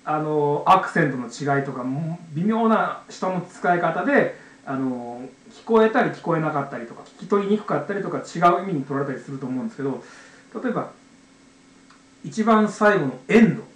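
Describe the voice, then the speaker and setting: A man in his forties from Japan explains pronunciation in a casual, hesitant monologue, leaning on fillers and slowly sounding out letters. His pitch sits a little high and swings widely. The recording is roomy and echoey. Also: lively intonation. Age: 40s. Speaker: channel host, English learner.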